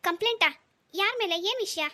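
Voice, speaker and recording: A woman voicing a gentle young stepmother in a cartoon, talking in an earnest, pleading way. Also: very high-pitched, brisk. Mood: firm. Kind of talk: cartoon dialogue.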